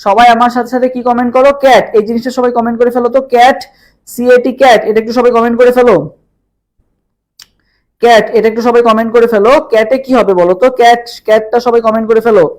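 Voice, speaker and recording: A man's voice: very high-pitched, level tone, fast talker, darkish tone. A man teaching a live online exam-prep class, who asks questions, answers them himself and repeats key terms again and again. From Bangladesh.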